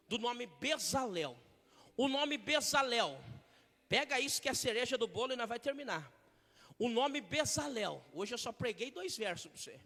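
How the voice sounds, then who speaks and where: Fiery Brazilian preacher in a reverberant church hall. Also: male voice, very high-pitched. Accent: Brazilian Portuguese. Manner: swings from shouting to hushed asides, jokey impressions. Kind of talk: fiery Pentecostal sermon.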